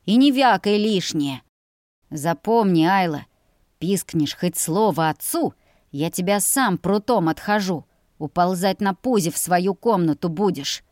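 A woman's voice: lowish voice, expressive, measured pace, darkish tone, no room sound, clean studio sound. Woman doing a sneering bully big brother. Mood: threatening. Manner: sneering and threatening. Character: crude greedy teenage older brother, male, bullying. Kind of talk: audiobook character voice.

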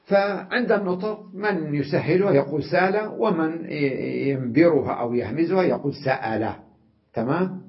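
A sheikh teaching an Arabic grammar lesson, explaining patiently, often asking "tamam?" and repeating example words slowly with drawn-out fillers. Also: male voice, fairly high pitch, vocal fry. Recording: muffled lo-fi lecture recording.

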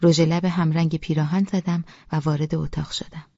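Dark-toned woman narrating an audiobook. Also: sits low, flat delivery, slightly rough, no echo, lo-fi sound. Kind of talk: first-person audiobook narration.

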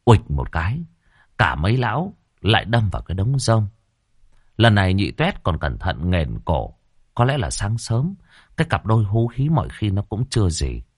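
A man's voice: fairly low pitch, very animated, moderate pace, slightly rough, no room sound, clean studio sound. A man narrating a comic ghost story in a dramatic, colloquial way.

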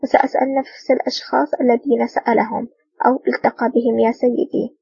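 A woman's voice: on the high side, level tone, quick pace, creaky, dark tone, breathy edge, no echo. A woman reading the part of a confident, self-assured male army officer, in a dull, distant recording. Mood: calm.

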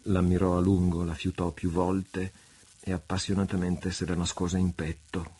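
A man narrating a classic adventure novel in a measured, dramatic reading. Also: deep voice, little pitch movement, mellow, husky. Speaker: audiobook reader. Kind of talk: literary audiobook narration.

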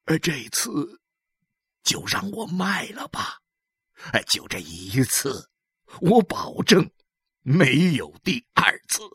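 A woman's voice: low-pitched, very animated, slow, pauses often, fairly bright tone, husky, dry recording, heavily acted. A woman voicing a poor working man who pleads, stammers and sounds close to tears. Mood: pleading. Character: poor, desperate working man begging for help.

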